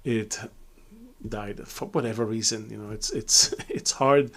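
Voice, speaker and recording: A man's voice: fairly low pitch, measured pace, fairly bright tone. A middle-aged man from Israel giving a reflective live Q&A talk as a Kabbalah teacher, with many fillers and restarts.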